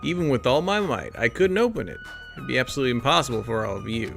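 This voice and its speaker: A man's voice: mid-range voice, lively intonation, quick pace, creaky, music in the background. A man playing a game and reading its dialogue aloud in shifting tones, with wry casual asides between lines. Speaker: let's play streamer.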